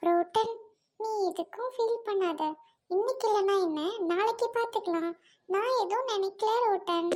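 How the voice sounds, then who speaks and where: Brief: woman as a soothing, loyal young friend, Trichy Tamil accent, very high voice. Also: moderate pace. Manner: gentle, reassuring, repeats friend's name. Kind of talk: comedy skit acting.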